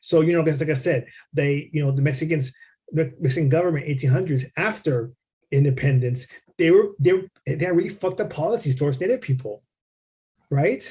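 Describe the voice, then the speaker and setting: A man's voice: fairly high pitch, brisk, warm tone. A man co-hosting a podcast in casual conversation, rambling through history, swearing freely and checking in with "right?" and "you know". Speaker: podcast co-host.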